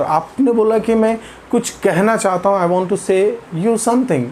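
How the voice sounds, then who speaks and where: A teacher from India giving a spoken grammar lesson, saying English example sentences slowly and deliberately and often adding encouraging "very good" and "okay". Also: medium pitch, darkish tone, slight background noise. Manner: repeats "very good" and "ठीक है" as encouragement.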